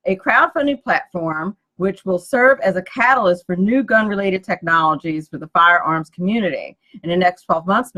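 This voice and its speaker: Giggly, lively woman radio host. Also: medium pitch, poor audio. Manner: giggly, animated, chatty. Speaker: radio talk show host. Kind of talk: casual radio chat.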